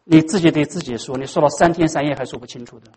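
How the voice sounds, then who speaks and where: A pastor delivers a dramatic sermon, swinging between hushed tones and loud outbursts while slipping English words into his speech. His voice is mid-range and husky, and he talks at a quick pace. The recording quality is low.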